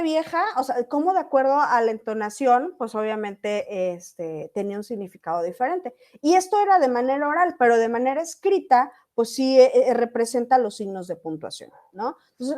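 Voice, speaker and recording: A female teacher gives an online lesson in a slightly high voice. She explains patiently and keeps checking in with her students. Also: expressive, fairly quick, hardly any pauses, warm tone. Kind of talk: online class lecture.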